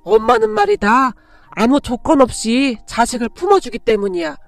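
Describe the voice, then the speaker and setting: A woman's voice: high voice, big pitch swings, moderate pace, vocal fry, dry recording, faint music behind, full character voice. A woman voicing an older mother-in-law who is stern with outsiders and motherly to her daughter-in-law. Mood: tender. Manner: firm and protective, motherly.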